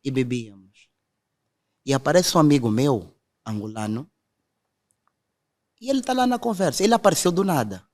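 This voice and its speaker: A man's voice: on the high side, very animated, normal speed, long pauses. A young man, earnestly telling his conversion testimony in a podcast conversation. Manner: earnest storytelling, quotes others directly.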